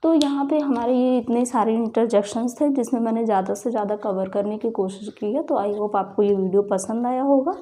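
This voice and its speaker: A woman's voice: fairly high pitch, fairly quick, hardly any pauses, warm tone. A woman with an Indian accent teaching a grammar lesson, explaining each example and asking and answering her own questions.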